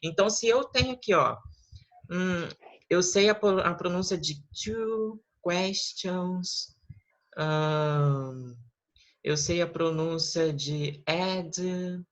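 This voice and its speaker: A teacher, patiently explaining a lesson and often checking in with the student. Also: mid-range voice. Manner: models English words slowly. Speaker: English teacher.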